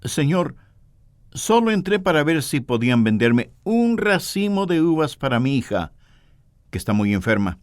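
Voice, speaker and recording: A man's voice: medium pitch, animated, moderate pace, a little mellow, dry recording, studio quality, lightly acted. A man voicing a poor, timid mother who pleads humbly in a sermon story.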